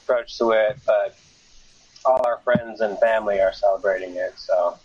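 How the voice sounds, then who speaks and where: A man's voice: fairly low pitch, fairly even intonation, moderate pace. A man talking casually as a guest on a video call, hesitant and full of fillers, his voice echoey and far from the mic. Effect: echoey, distant mic sound. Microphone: own home mic on a video call. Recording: dull, lo-fi echoey call audio from far off the mic, with faint noise.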